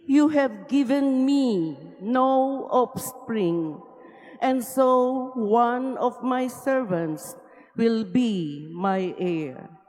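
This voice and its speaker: A woman with a slightly high voice reads scripture extremely slowly. Her phrasing is solemn and deliberate, and it rings out in the long reverb of a cathedral. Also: a little mellow. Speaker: lector at Mass. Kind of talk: scripture reading.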